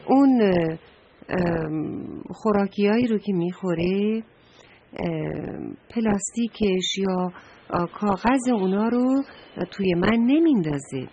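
A woman's voice: medium pitch, animated, a little mellow, lo-fi sound, slight background noise, natural voice. A woman voicing a worried talking blue trash can in a children's story, speaking emphatically with many hesitations. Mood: fretful.

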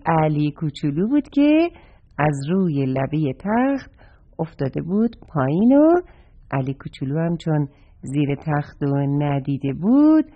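A woman telling a children's story and speaking directly to young listeners, recorded dull and lo-fi. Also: low voice. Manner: warm, expressive, addresses children directly.

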